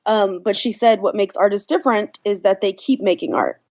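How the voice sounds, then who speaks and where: A woman in her thirties from the Bahamas, an artist and teacher, answering interview questions in a relaxed, storytelling way with some fillers. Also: medium pitch, moderate pace, lo-fi sound. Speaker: guest artist and art teacher.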